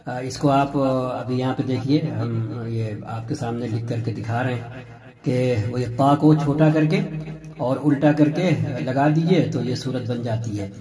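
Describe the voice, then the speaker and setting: A man's voice: mid-range voice, music in the background. A man teaching a script lesson, explaining patiently and repeating each point with fillers.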